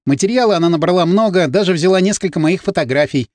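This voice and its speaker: A man narrating an audiobook in the first person, expressive and storytelling. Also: high voice, fast talker, dry recording.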